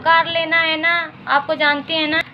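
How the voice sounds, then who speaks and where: A woman's voice: high voice, flat delivery, moderate pace, muffled recording, a little hiss or hum, close to an everyday voice. A woman doing a whiny, stubborn little girl. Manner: whiny, insistent.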